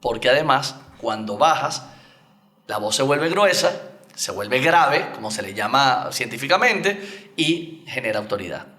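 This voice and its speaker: Hombre invitado, instructor de oratoria, con una voz nítida y brillante. Su tono es de clase, y va dando ejemplos mientras explica. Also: male voice, medium pitch, big pitch swings, a little slow, pushed and bright. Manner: didactic, gives spoken examples. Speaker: oratory coach and guest. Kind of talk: explanatory interview talk.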